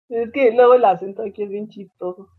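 Mexican woman, animated storyteller, breathy voice over a thin phone-like line. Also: a little high. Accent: Mexican Spanish. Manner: animated storyteller, acts out shouted quotes. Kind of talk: casual chat.

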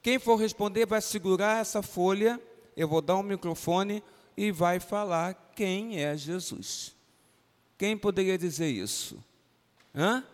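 A man's voice: high-pitched, slow. A man with a Brazilian Portuguese accent, a pastor leading an interactive Bible lesson for children in a church and coaxing them by name to answer. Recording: reverberant church hall.

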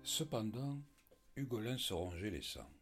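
A man narrating an audiobook in a measured storytelling manner. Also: lowish voice, lively intonation, over loud music.

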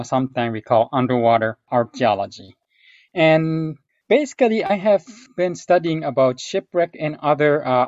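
A man's voice: a little high, a little mellow, no room sound, muffled recording. A man from Japan, a researcher answering interview questions in a hesitant, thinking-aloud way with many fillers. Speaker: guest researcher.

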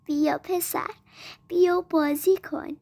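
A woman voicing a gentle, loving old tree in a storybook reading, speaking softly and tenderly. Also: very high voice, fairly even intonation, vocal fry. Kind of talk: storybook narration.

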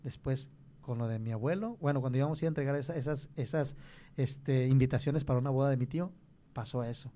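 A young Mexican man gives a personal faith testimony in conversation, speaking with a Mexican Spanish accent. His mid-range voice is warm, and he is earnest but halting, restarting often.

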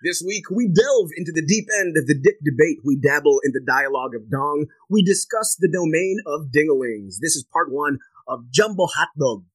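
A man's voice: fairly high pitch, expressive, moderate pace, hardly any pauses, husky, no room sound, rough recording. Playful young man hosting a podcast. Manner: playful, jokey, alliterative wordplay. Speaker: podcast host. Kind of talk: casual podcast chat.

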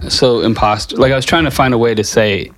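A man in a casual podcast chat as the guest, laid-back and deadpan in his jokes. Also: mid-range voice, fairly quick, slight background noise. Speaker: podcast guest, tattoo artist and band member.

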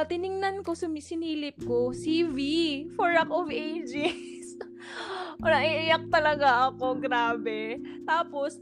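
A young woman recounts a story in casual chat. Her voice sits high, and she laughs often and acts out the lines of the people in it. Music plays clearly behind her. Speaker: guest telling a story.

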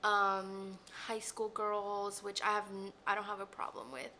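A woman's voice: mid-range voice, completely flat delivery, measured pace, pushed and bright, a little hiss or hum. A woman hairstylist co-hosting a podcast, telling a story in chatty casual talk full of fillers. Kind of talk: casual chat.

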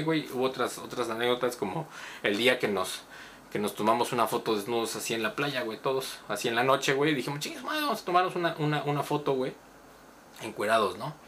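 A middle-aged man with a Mexican accent, telling a story in casual podcast chat, animated and swearing freely. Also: fairly low pitch, a little hiss or hum. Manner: animated, laughing, swears often. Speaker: podcast host.

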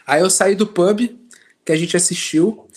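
A man's voice: unhurried, slightly rough. A man from Rio de Janeiro with a carioca accent, chatting casually as a podcast host and acting out the people in his stories. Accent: Rio de Janeiro Portuguese. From Brazil. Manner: animated storyteller, acts out quotes in high voice. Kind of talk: casual chat.

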